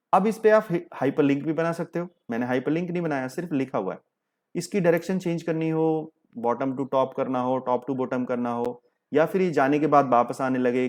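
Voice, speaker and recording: Young guy walking thru html code, explains each step plainly, mid-pitched voice. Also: a little mellow. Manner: explains step by step, mixing English terms into Hindi. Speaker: coding teacher. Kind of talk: screen-share coding tutorial.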